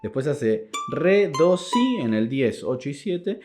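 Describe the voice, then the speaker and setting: A man's voice: on the high side, big pitch swings, takes it slowly, over loud music. A man teaching a step-by-step charango lesson, counting beats aloud and singing the rhythm as he explains. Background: plucked charango.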